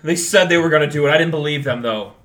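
A man's voice: mid-range voice, steady tone, brisk, fairly bright tone, lightly acted. A man voicing a male adventurer who feigns outrage to stir up a crowd. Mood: indignant. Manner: indignant.

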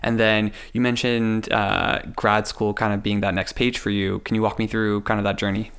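A man with a lowish, clean, fairly bright voice hosts a podcast at normal speed, his pitch moving little. He eagerly introduces and questions his guest in an enthusiastic, slightly rambling interview, laughing easily.

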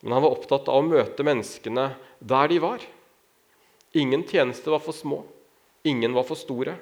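A man preaching as a pastor, telling stories and lifting his voice when he acts out shouting figures. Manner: storytelling, raises pitch when acting out shouts. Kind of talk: sermon.

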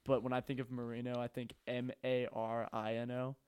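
A man's voice: medium pitch, completely flat delivery, fairly quick, a little mellow, clean tone, dry recording. Easygoing young man chatting. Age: young adult. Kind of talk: casual chat.

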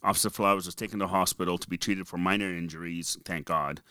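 A man's voice: low-pitched, steady tone, quick pace, pushed and bright, clean tone, no echo. A man with a Boston accent chatting informally as co-host of a podcast, swearing now and then. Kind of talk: casual podcast chat.

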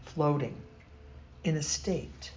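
A yoga nidra instructor leading a guided meditation in a soothing, gentle, deliberate way with long pauses. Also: medium pitch. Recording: muffled, noisy recording with steady humming tone.

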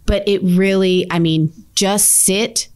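A woman's voice: mid-range voice, steady tone, slow pace, a little mellow, clear, resonant tone. A woman co-hosting a casual podcast chat, talkative, often trailing off mid-thought. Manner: chatty, laughs often, trails off. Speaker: podcast co-host.

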